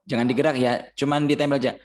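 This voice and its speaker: Speaking fast in a flat, medium-pitched voice, a man with a Banjar Indonesian accent leads a Ramadan class on Quran recitation, patiently chanting sample verses and testing his students.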